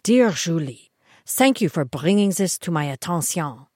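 A woman's voice: on the low side, lively intonation, a little slow, darkish tone, no room sound, clean studio sound. A woman voicing a polite, formal male company executive in a put-on accent.

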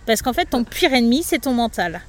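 A woman with a fairly high voice talks loosely in a podcast interview, her sentences full of fillers and restarts. She speaks as a yoga teacher explaining her practice to the host. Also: very animated, fairly quick. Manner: loose, chatty, many fillers.

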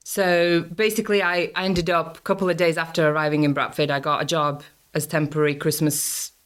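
A woman from Latvia, whose first language is Latvian, chatting as a podcast guest. Her voice sits a little low, but it leaps up when she acts out her own past thoughts. She keeps the storytelling relaxed and conversational. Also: fairly quick. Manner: animated storyteller, lively pitch swings when quoting herself. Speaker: guest, antiques dealer.

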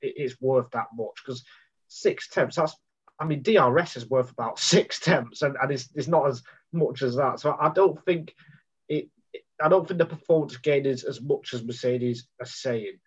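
A man with a husky voice talks through a casual chat, feeling his way and restarting often. The recording is dull and lo-fi. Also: medium pitch, moderate pace. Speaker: podcast co-host. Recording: dull lo-fi sound.

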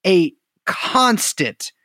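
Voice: medium pitch, big pitch swings, drawn-out words, bright, forceful tone, no echo, studio quality. A podcast co-host telling a wildly exaggerated comic story in a rambling, profane way.

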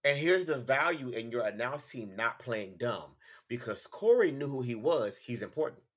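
A man co-hosting a wrestling podcast, talking in an animated, slangy, playful way. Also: mid-range voice, normal speed. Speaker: podcast co-host. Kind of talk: casual wrestling chat.

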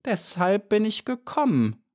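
A croaky old spider lady from a storybook, sly and scheming, as a man narrator puts her on. She speaks in a raised, croaking voice with false politeness. Her tone turns mocking. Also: high-pitched, wildly swooping pitch, unhurried, darkish tone, voice pushed up, heavily acted.

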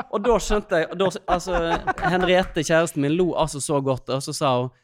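A man in his thirties, a podcast guest, telling stories in an animated way in casual chat. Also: a little high, dry recording. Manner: animated, laughing storyteller.

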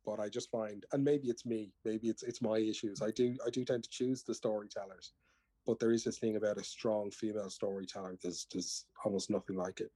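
A man's voice: fairly low pitch, fairly even intonation, brisk, warm tone, slightly rough, dry recording. A middle-aged Irish man, a storyteller, chatting casually in a reflective, anecdotal way. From Ireland. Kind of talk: casual conversational storytelling and explaining.

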